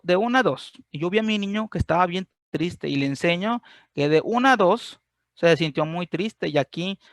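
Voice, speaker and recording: A man's voice: on the high side, dry recording, studio quality. A man with a Mexican Spanish accent giving an informal class on grief, explaining step by step and often checking that his listeners are following. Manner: chatty, constantly checks in with listeners. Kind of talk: informal online class talk.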